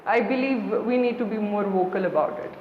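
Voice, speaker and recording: A young woman with a Kashmiri accent speaks as an interview candidate. She is formal, deferential and halting, in a reverberant hall with dull sound and some background noise. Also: medium pitch. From Srinagar, Kashmir, India. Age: young adult. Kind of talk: formal mock job interview answers.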